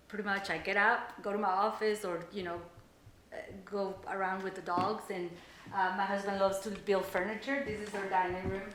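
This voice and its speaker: The interviewee, a native Spanish speaker from El Salvador in her forties, chats casually about her life while moving between rooms at home, often using fillers and starting over. Her mid-range voice is a bit bright, and the echoey recording has faint ambience plus a little hiss or hum.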